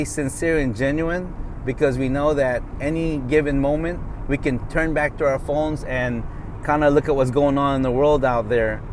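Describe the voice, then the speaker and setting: A middle-aged vlogger whose first language is Tagalog talks off the cuff while driving, rambling casually with many fillers. His voice is a little high and a little mellow, with slight background noise.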